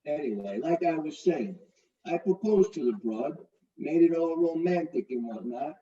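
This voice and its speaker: An actor playing a brash, crude, middle-aged mobster-type fiancé who swaggers and wisecracks in a comedy courtroom sketch. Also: male voice, on the high side, expressive, normal speed, warm tone, recorded from a distance, highs cut off, lightly acted. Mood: swaggering. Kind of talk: comedic courtroom parody acting.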